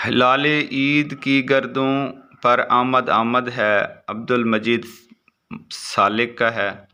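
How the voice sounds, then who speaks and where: A man reading short exam answers aloud as a teacher, in a steady recitation with brief asides. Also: lowish voice, clean tone.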